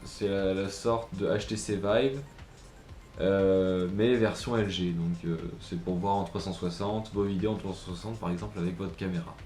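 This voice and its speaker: Male tech vlogger, lowish voice, hesitant, echoey room with faint music. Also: fairly even intonation, moderate pace, a little mellow. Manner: hesitant, many fillers and restarts. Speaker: tech reviewer. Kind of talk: casual product review. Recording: roomy echo with faint music.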